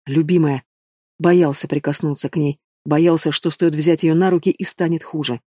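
Man narrating a dark fantasy audiobook. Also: a little high, level tone, normal speed, dry recording, clean studio sound. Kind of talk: first-person audiobook narration.

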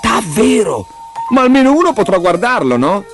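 An excited little boy king with a high, bright voice, as a man puts him on. He sounds eager and curious, from a storybook read aloud with music behind. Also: moderate pace.

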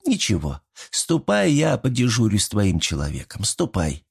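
A man voicing a soft, firm old grandmother spirit. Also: lowish voice, huge pitch swings, normal speed, gravelly, husky, full character voice. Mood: calm, firm. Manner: soft but insistent.

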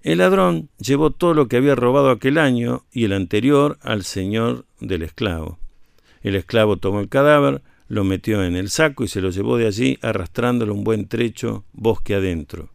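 A man narrating a folk tale for radio in a measured, low storytelling voice. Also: animated, creaky, dry recording, studio quality.

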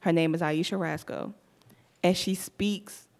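A young woman co-hosting a radio talk show, chatting in an animated, easygoing way. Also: on the low side, unhurried, creaky. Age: young adult. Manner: chatty, animated, laughs easily. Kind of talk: casual chat.

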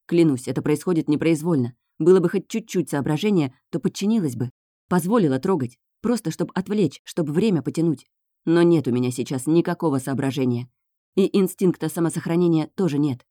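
A woman narrating a first-person novel as an audiobook, in a tense, hushed inner voice. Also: deep voice, no room sound, studio quality.

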